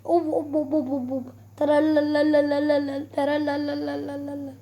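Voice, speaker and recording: High-voiced Egyptian woman gamer. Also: flat delivery, quick pace, warm tone. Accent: Egyptian Arabic. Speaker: gaming YouTuber. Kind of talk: excited gameplay commentary.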